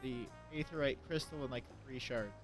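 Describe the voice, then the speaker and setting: A man's voice: mid-range voice, normal speed, music in the background. Sarcastic swearing streamer man. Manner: sarcastic, swears often, mutters. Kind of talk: casual let's-play commentary, reading game dialogue aloud.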